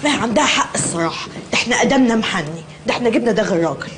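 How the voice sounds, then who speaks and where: An actress with an Egyptian accent playing a sharp-tongued, mocking niece in a film comedy. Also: female voice, on the high side, lively intonation, very fast, a loud crowd, lightly acted. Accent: Egyptian Arabic.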